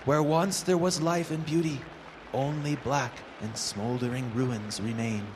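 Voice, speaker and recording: A woman's voice: a bass voice, fairly even intonation, measured pace, noisy background, voice pushed down. A woman voicing a grave toucan that warns earnestly in a storybook.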